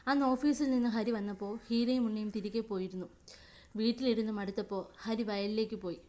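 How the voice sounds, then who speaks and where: A woman storyteller narrating a romantic serial in a steady reading voice. She turns playful and chatty when she speaks to her listeners directly. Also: medium pitch, fast.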